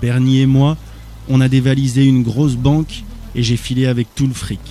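A man's voice: medium pitch, flat delivery, normal speed, warm tone, soft background music, lightly acted. A man voicing a terrified wounded young man who has been clawed and blinded, pleading frantically. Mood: frantic.

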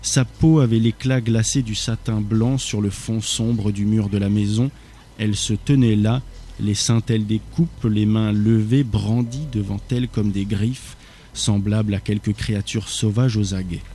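A man reading a thriller aloud as narrator, steady with small slips. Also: on the low side, unhurried.

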